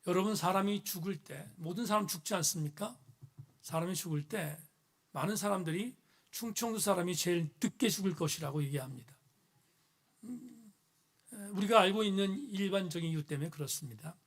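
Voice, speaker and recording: A man's voice: sits high, a little fast, vocal fry. A man preaching a sermon as pastor in a church, with earnest, emphatic rising phrases.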